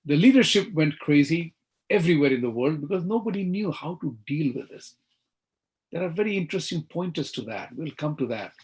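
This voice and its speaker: A man with an Indian English accent hosting an interview talk show, asking emphatic, animated questions. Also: on the high side, brisk.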